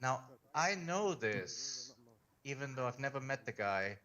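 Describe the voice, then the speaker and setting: A man's voice: mid-range voice, big pitch swings, measured pace, bright, forceful tone, highs cut off. A man hosting a live stream chat, talking in a rambling way and stumbling over repeated words.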